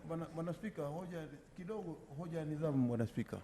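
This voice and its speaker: Kenyan male senator interjecting; rapid delivery, raised pitch, insistent and repetitive. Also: warm tone. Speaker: senator raising a point of order. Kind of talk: parliamentary interjection.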